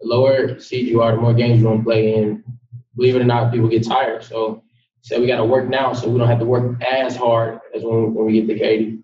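A man's voice: medium pitch, flat delivery, a little fast, mellow, roomy sound, far from the mic, highs cut off. A young man, a college basketball player, speaking plainly at a postgame press conference. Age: young adult.

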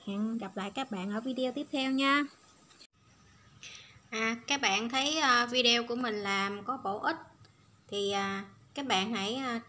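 A woman's voice: fairly high pitch, sharp tone. A woman giving a patient, step-by-step online language lesson. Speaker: Japanese language teacher.

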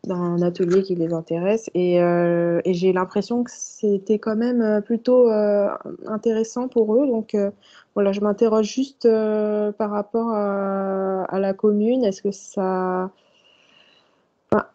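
A woman's voice: mid-range voice, flat delivery, measured pace, warm tone. A woman participating in a webinar, talking hesitantly with many fillers. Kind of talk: casual online meeting chat. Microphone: video call. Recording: dull lo-fi video call audio.

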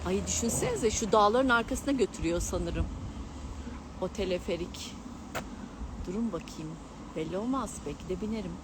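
Speaking at medium pitch and normal speed with long pauses, this middle-aged woman from Turkey, an astrologer who vlogs, chats and exclaims giggly to her followers. She holds a gimbal-mounted camera while outdoors at a mountain viewpoint, and heavy traffic and city noise are audible.

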